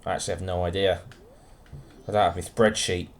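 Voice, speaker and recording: A man's voice: low voice, level tone, fairly quick, slight background noise. Wry man streaming a game. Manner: dry, wry, chatting to viewers by name. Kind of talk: casual live-stream chat while playing.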